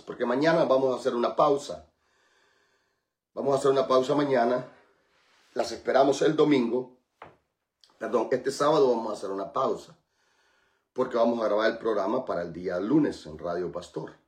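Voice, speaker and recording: In an echoey room, a medium-pitched man leads a radio prayer show as its pastor. He prays with fervent, repetitive invocations, then chats and jokes with his listeners in the breaks.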